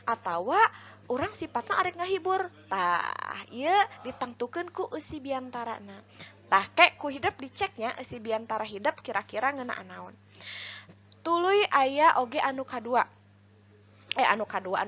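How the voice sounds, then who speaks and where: High-voiced woman teacher explaining a lesson. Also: a bit bright, muffled recording. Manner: explains step by step, asks and answers her own questions.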